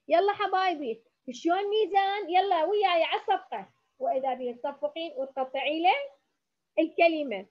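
A woman's voice: extremely high pitch, dull audio. A woman with an Iraqi Arabic accent giving a demonstration lesson for teachers. She coaxes pupils with endearments and sounds out syllables. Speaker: educational supervisor.

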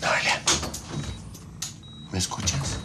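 A man's voice: slow, background noise, lightly acted. An actor in his forties playing a protective, intense lawman in a naturalistic telenovela style. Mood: soothing, resolute. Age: 40s. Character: earnest middle-aged lawman, protective and intense.

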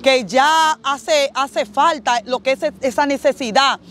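High-voiced woman pastor giving testimony. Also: slow, fairly bright tone, a little hiss or hum. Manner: earnest, repeats the host's name often. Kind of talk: testimony interview.

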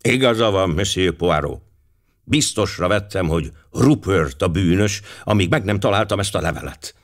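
A man reading an audiobook, voicing a grave, wealthy older millionaire who speaks in a measured, serious way. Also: sits low, animated. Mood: troubled.

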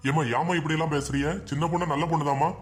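A man's voice: a little high, level tone, rapid-fire, natural voice. A man voicing an anxious young husband in a cartoon, pleading and placating. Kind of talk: cartoon voice acting.

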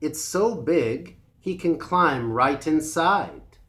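A man voicing a clever young female tortoise in a storybook reading, speaking in a quiet, measured, sly way. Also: fairly high pitch, animated, voice pushed up.

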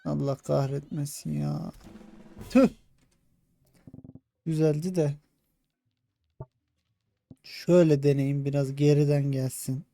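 A man's voice: fairly high pitch, steady tone, takes it slowly, gravelly, long pauses, mellow, no room sound. A man with a Turkish accent commenting on his own strategy gameplay, muttering his plans and growing frustrated as attempts fail. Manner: frustrated muttering, talking himself through tactics. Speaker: gaming channel host. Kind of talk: let's play commentary.

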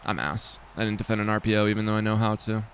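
A young man giving casual, self-mocking commentary on his football video game, swearing often and swinging from excited yelling to low mumbling. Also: fast, a little hiss or hum. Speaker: gaming YouTuber.

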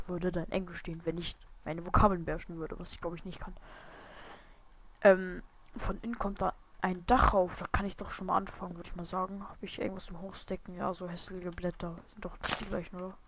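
A woman giving casual gameplay commentary on a desk microphone, muttering and whispering asides to herself, now and then bursting into loud startled shouts. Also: fairly low pitch. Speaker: let's play gamer. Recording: noisy home mic with hiss and clicks.

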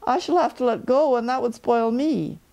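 A woman voicing an earnest, anxious little toy bear in a children's storybook, speaking in deliberate, slightly pompous phrases. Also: on the high side, vocal fry, dark tone, voice pushed up, rough recording. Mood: pleading. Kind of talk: children's storybook read aloud.

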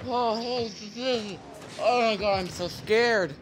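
A young man commentating his own gameplay, excitable, yelping and shouting at plays, faint game music behind. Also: high-pitched, takes it slowly. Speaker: gamer.

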